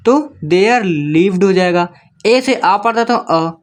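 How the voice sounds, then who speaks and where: A man's voice: high-pitched, expressive, slow pace. Patient man spelling words out. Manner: patient, spells words letter by letter, keeps checking in with the listener. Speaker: English reading teacher. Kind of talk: step-by-step spoken lesson.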